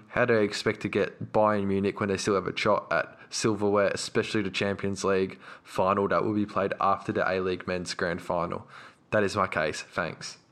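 A man's voice: lowish voice, fairly bright tone. An Australian man putting his case in a casual debate as a podcast panellist.

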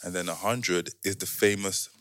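A man with a London roadman accent hosting a podcast casually, with halting delivery and repeated words. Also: sits low, steady tone, fairly bright tone, slight background noise. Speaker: podcast host.

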